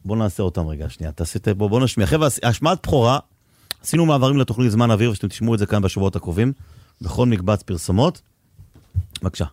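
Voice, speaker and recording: A man hosting a casual radio interview in a studio, playful and quick to laugh. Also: lowish voice, no echo. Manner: lively, playful, laughs often. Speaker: radio host.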